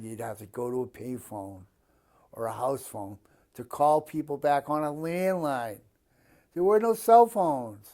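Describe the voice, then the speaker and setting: A man in his fifties from the Boston area, with the local Boston accent. His tone is mellow and dark, at a middling pitch. He talks casually and bluntly, like someone answering questions about himself. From Boston area, Massachusetts, USA. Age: 50s. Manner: blunt, plain-spoken, given to swearing. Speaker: interviewee. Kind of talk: casual chat.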